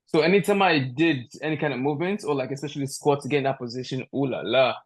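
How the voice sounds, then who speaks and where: Talking fast in a medium-pitched voice, a powerlifter from Nigeria is interviewed as a podcast guest over a video call. He's relaxed and self-mocking, speaking from an indoor room at home with the device set a little way off.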